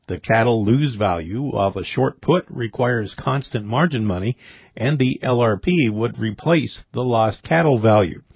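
A man's voice: medium pitch, breathy edge, no room sound. A man presenting scripted radio commentary as a report host. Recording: dry, slightly dull audio.

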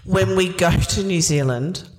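A woman leading a casual wine tasting, chatty and knowledgeable, explaining flavours with quick laughs. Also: on the low side, a little mellow, rough recording. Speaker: wine educator.

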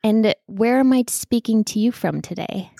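A podcast host with a slightly high, creaky, warm voice speaks at a moderate pace, introducing the show personally to listeners and questioning a guest. The studio-quality recording has no echo.

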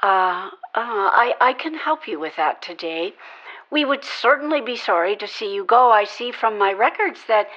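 A syrupy, salesy call-center agent. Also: female voice, mid-range voice, lively intonation, normal speed, fairly bright tone. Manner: syrupy, salesy customer-service patter. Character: overly eager female church call-center agent. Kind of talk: radio play. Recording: dull lo-fi sound.

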